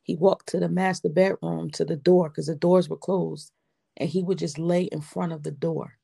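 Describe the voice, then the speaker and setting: A middle-aged woman earnestly recounting a personal faith testimony, slow and heartfelt, quoting her own prayers. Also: fairly low pitch, fairly even intonation, vocal fry, dark tone, breathy edge, no room sound, clean studio sound. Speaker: widow giving a testimony.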